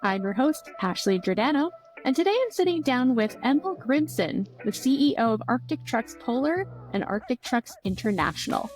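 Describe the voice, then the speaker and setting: A woman's voice: on the high side, sing-song, normal speed, faint music behind. A woman hosting a podcast, reading an intro and interviewing a guest with upbeat enthusiasm. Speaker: podcast host. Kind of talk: scripted intro, then casual interview.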